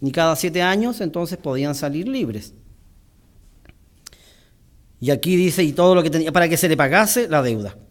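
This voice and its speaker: A man preaching a sermon in a church, reading scripture aloud and then explaining it slowly, with pauses and restarts. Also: fairly high pitch, animated. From Chile.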